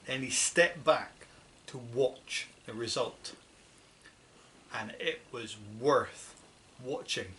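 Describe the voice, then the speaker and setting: A woman narrating a children's storybook with an expressive, dramatic reading. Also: extremely low pitch, takes it slowly, pauses often, a little hiss or hum. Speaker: audiobook narrator.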